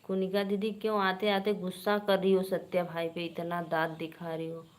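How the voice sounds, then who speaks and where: A woman's voice: on the low side, flat delivery, normal speed. A woman with an Awadhi accent hosting a live stream, chatting casually and teasingly with viewers and greeting them by name.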